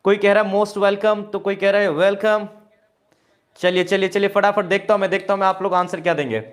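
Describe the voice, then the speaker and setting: A man's voice: sits high, level tone, brisk. A man teaching English in Hindi during a live online class, who keeps calling viewers "dear" and repeats each point. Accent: Indian. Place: classroom with a board.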